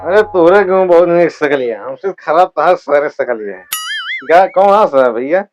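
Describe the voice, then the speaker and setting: A man's voice: on the high side, animated, moderate pace, muffled recording, music in the background, close to an everyday voice. A man with an Awadhi accent playing a rambling, shameless town drunk husband in a village comedy sketch. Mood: grumbling. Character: shameless drunkard village husband selling his in-laws' buffalo. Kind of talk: rural comedy sketch acting.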